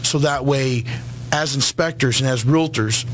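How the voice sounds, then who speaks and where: A man's voice: medium pitch, normal speed, a little hiss or hum. A man who works as a home inspector, a guest on a radio show, explaining his business earnestly with many ums and restarts.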